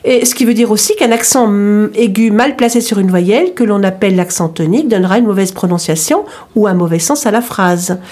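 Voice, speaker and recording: A woman's voice: medium pitch, fairly quick, hardly any pauses, warm tone. Woman explaining pronunciation on radio. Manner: explains patiently, spells words out letter by letter. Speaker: radio co-host. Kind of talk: language lesson chat on radio.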